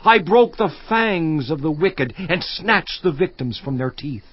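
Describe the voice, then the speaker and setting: Guy doing job from the bible, slow solemn old-style declaiming, kinda high voice, dull lo-fi sound w/ soft music under it. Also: expressive, husky, no echo. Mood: wistful. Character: Job, aging afflicted man, grave and lamenting. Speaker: dramatized Bible character. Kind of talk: dramatized scripture reading.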